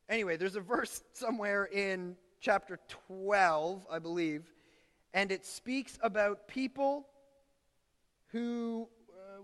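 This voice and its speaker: A man's voice: high-pitched, sharp tone, in a large hall. A man giving an informal sermon, reading Bible verses and breaking into chatty asides with acted-out quotes. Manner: conversational, asides and restarts, acts out quotes. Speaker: preacher.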